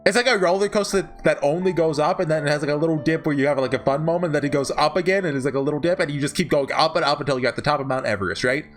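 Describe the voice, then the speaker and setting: A visual novel reviewer rambles through unscripted ranking commentary in a fairly high voice, talking very fast with hardly any pauses while faint music plays. He's opinionated, often corrects himself mid-thought, and keeps seeking agreement with "right?".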